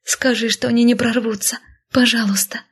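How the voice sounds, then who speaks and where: A woman voicing a frightened young woman who pleads in a high, breathy voice. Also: steady tone, moderate pace. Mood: pleading.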